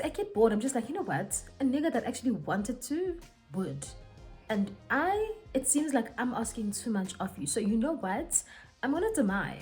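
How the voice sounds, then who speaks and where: Young south african woman rambling a storytime, mellow warm tone, bit of music behind. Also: a little high. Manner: animated, code-switching, dramatic retelling. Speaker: vlogger. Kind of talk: casual storytime while getting ready.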